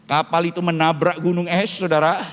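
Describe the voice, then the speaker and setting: Middle-aged pastor guy telling stories in a sermon, pretty high voice, big echoey church. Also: level tone, fairly quick, a bit bright. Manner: storytelling sermon, addresses congregation as saudara. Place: church hall. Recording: long church hall reverb.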